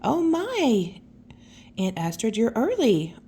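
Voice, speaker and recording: A woman acts out a kindly, fretting Mrs. Claus for a children's storybook. The voice lifts high in exclamations and anxious questions, with slight noise in the recording. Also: wildly swooping pitch, takes it slowly, dark tone, heavily acted. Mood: fussing, surprised.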